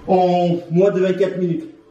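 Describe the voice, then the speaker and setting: A man's voice: high-pitched, little pitch movement, unhurried, mellow, recorded from a distance, lo-fi sound, a little hiss or hum. A man talking casually while doing push-ups in a workout challenge, with effort in the voice as the reps are counted. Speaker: fitness challenge host. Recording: echoey room.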